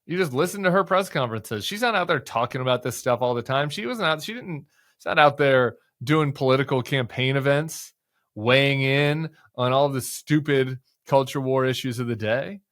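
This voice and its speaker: A man's voice: medium pitch, normal speed, a bit bright. An American man delivering an angry, indignant rant as an opinionated commentator speaking off the cuff. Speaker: political commentator and host.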